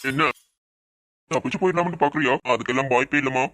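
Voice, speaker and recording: A man's voice: mid-range voice, quick pace, pushed and bright, a little hiss or hum, close to an everyday voice. A man voicing a scheming, obsessive young male doctor who is the cartoon's villain, speaking in a taunting, mocking way. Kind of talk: cartoon voice acting.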